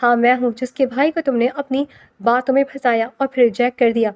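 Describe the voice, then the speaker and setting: Proud young man, cold and threatening, high-pitched woman reader. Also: level tone, darkish tone, no echo, studio quality, lightly acted. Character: proud, vengeful young man, older brother.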